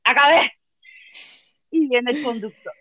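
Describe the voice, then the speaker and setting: A woman's voice: high-pitched, a little slow, sharp tone, no room sound. A woman with a Cuban accent telling a funny personal story in a dramatic, self-mocking way. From Cuba. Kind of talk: comic storytelling chat.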